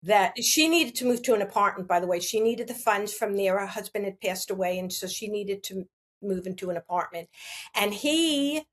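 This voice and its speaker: A woman's voice: mid-range voice, normal speed. A middle-aged woman, a real estate agent and guest, telling stories in a casual interview and acting out the dialogue in them. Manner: animated, acts out quoted dialogue.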